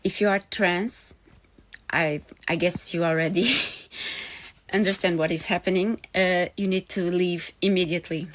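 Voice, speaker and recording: A woman from Portugal, a lawyer speaking to camera in an earnest, halting way. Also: lowish voice, fairly even intonation, poor audio. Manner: earnest, halting, with frequent pauses. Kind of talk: direct-to-camera warning video.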